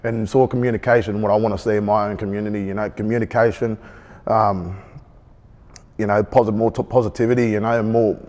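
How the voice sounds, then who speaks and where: A man in his twenties speaks with an Australian accent on a youth panel. His voice sits on the low side and carries a long hall reverb. He talks haltingly, repeating words as he searches for them. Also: level tone, darkish tone. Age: 20s. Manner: halting, repeats himself, many fillers. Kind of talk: casual discussion.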